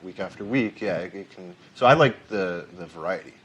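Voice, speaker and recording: A man being interviewed as a guest session drummer, talking in a relaxed, easygoing way in a recording studio. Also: low-pitched, brisk, highs cut off, a little hiss or hum. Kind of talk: casual interview.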